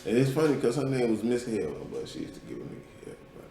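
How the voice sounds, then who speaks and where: A man's voice: medium pitch, big pitch swings, fast, gravelly, dark tone, roomy sound, a little hiss or hum. A man hosting a podcast, telling loose, profane stories in casual chat. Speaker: podcast host.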